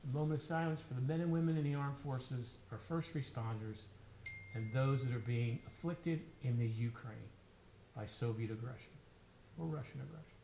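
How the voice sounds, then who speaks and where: A man's voice: mid-range voice, moderate pace, gravelly, long pauses, warm tone, a little hiss or hum. A man serving as mayor, chairing a public budget hearing with plain procedural wording and brief informal asides. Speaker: mayor chairing a town meeting.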